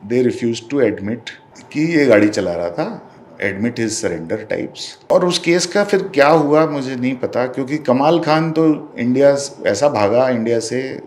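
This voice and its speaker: Interview guest: man, blunt and combative, mid-pitched, drops into English phrases, roomy echo. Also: a little mellow, slight background noise. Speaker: interview guest, film director. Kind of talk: candid interview.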